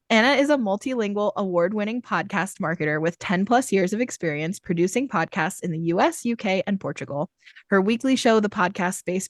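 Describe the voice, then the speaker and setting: A woman's voice: medium pitch, no room sound, studio quality. A woman hosting a podcast, chatting in a casual interview with frequent laughs. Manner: animated, laughing often. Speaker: podcast host.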